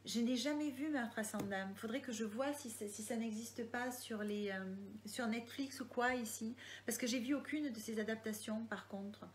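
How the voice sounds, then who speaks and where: A woman's voice: fairly high pitch, normal speed, few pauses, slight background noise. A woman with a Marseille accent, an author answering viewers' questions in a casual live session, reading comments aloud and often hesitating and restarting. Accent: Marseille French.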